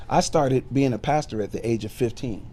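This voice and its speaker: His mid-range voice is warm and fairly quick. This middle-aged bishop and minister, originally from Chicago and raised in Detroit, recounts his life story in a relaxed podcast interview, using fillers often.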